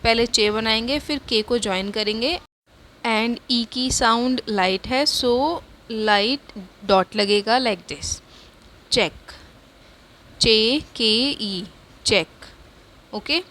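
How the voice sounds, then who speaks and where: A woman teaching a shorthand lesson, slowly repeating each word several times and mixing Hindi with English. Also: a little high, a bit bright. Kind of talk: step-by-step spoken lesson.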